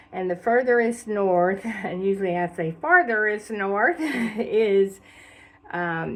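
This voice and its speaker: A woman with a Southeast Texas accent, giving a casual, unscripted explanation in a folksy, chatty, rambling way. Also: fairly low pitch. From Southeast Texas, USA. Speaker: actor presenting a dialect tutorial.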